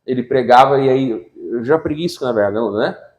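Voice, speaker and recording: A man preaching a lively sermon, who keeps asking the crowd rhetorical questions and acts out little scenes with humor. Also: medium pitch, brisk, muffled recording. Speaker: pastor.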